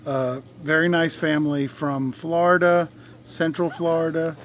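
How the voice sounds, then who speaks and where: A man's voice: on the high side, little pitch movement, a little slow, a bit bright, slight background noise, low-quality recording. Friendly man hosting a travel vlog. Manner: friendly, a little nervous on camera. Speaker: family travel vlogger. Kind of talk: casual vlog chat.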